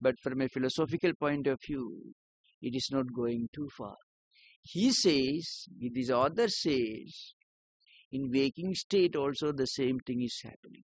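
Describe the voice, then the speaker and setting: A man giving a philosophy lecture in a measured, explanatory way, posing rhetorical questions to his listeners. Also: mid-range voice, slightly rough.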